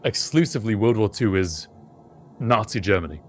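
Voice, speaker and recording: Deep-voiced British man, measured and thoughtful. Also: expressive, faint music behind. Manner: thoughtful, measured, hesitant with many fillers. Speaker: podcast co-host. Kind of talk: casual chat.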